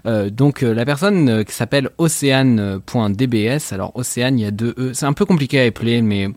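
A man's voice: medium pitch, a little fast, darkish tone, dry recording, clean studio sound. A man on a casual podcast, joking and mocking himself as he reads out a listener comment. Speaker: podcast co-host.

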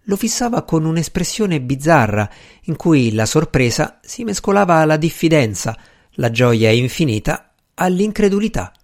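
A man narrating a novel in a steady, even reading voice. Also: fairly high pitch, moderate pace. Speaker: audiobook narrator. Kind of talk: scripted narration.

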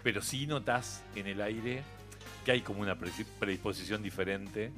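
A middle-aged man with a Uruguayan accent, a radio interview guest chatting casually and telling animated stories with frequent laughter. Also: lowish voice, normal speed, over music. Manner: animated storyteller, laughs often.

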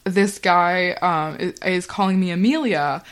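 A young woman hosting a podcast, telling casual stories in a chatty voice full of fillers and quick laughs. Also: on the low side, clear, resonant tone. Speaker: podcast host. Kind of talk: casual storytelling monologue.

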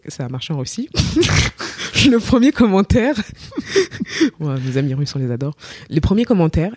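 In studio-quality, dry audio, a woman with a low, mellow voice speaks as a podcast guest. A singer from Cameroon, she shares her story in a relaxed interview, voicing the people she quotes.

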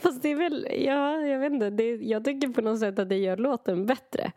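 A woman's voice: fairly high pitch, warm tone, no room sound, studio quality. A woman in casual chat, reacting to a friend's story with exclamations and laughter.

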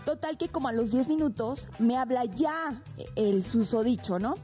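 Animated high-voiced Mexican woman storyteller. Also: moderate pace, faint music behind. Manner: animated, dramatic storyteller addressing listeners as "señores". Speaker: podcast co-host. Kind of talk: storytelling in casual chat.

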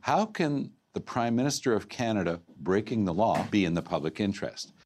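A man's voice: on the low side, animated, fairly quick, a little mellow, a little hiss or hum. A man giving news commentary, posing pointed rhetorical questions.

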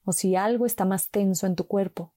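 A woman slowly guiding a mindfulness walk with calm, gentle instructions and long pauses. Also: medium pitch, no echo, studio quality. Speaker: meditation guide.

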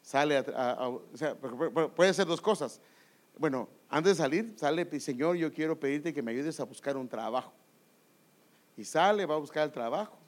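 A man's voice: a little high, moderate pace. Emphatic male preacher. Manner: emphatic, repeats and questions the congregation. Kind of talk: sermon.

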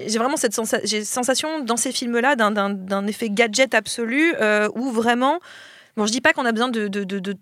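A woman's voice: on the high side, brisk, a bit bright, no room sound, clean studio sound. A woman on a panel, chatting casually with many hesitations and restarts, laughing easily. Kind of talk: casual roundtable chat.

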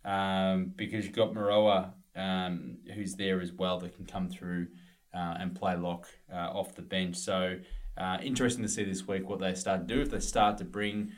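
A man's voice: sits low, level tone, normal speed. A male podcast co-host in casual sports chat, rambling through team news with plenty of fillers.

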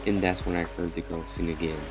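Over music, a young man reads his self-penned horror story as a podcast host, narrating dramatically in the first person. He speaks quickly in a low-pitched voice with a flat delivery.

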